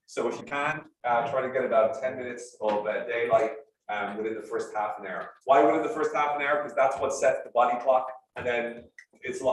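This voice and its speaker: A man with an Irish accent and a mid-range voice gives a sales training talk to a live group, energetically explaining things step by step, his voice softly dropping at phrase ends. He's far from the mic and off-mic in a room with roomy echo.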